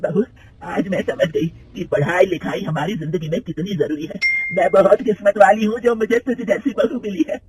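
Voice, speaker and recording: A man voicing a stern elderly mother-in-law in a cartoon story, with drawn-out, scolding speech that climbs high when angry. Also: noisy background, close to an everyday voice. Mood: warm. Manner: drawn-out scolding, rising to shrill anger.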